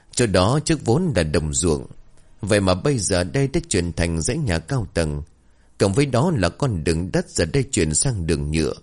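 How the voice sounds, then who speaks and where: A man's voice: low voice, a little mellow. A man narrating a scripted horror story in a dramatic storytelling manner.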